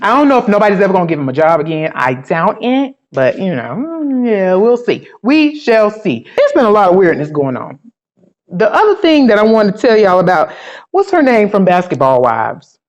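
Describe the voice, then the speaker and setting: A woman host with a New York accent talks in casual, profane, gossipy bursts. Her pitch jumps around a lot as she riffs. The sound is dull and lo-fi. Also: sing-song, moderate pace, a little mellow. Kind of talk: casual opinion chat.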